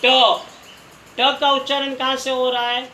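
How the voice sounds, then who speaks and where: A man's voice: very high voice, completely flat delivery, normal speed, bright, forceful tone. A man teaching a recorded language lesson, patiently repeating each sound for listeners to try. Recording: echoey room, faint background noise.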